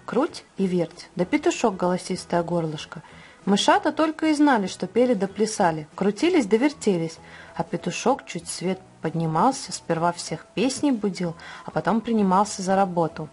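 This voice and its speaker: A woman reading a children's bedtime fairy tale aloud and hosting the channel, slow, expressive and kindly. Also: medium pitch, slightly rough, faint music behind. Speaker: storyteller and channel host.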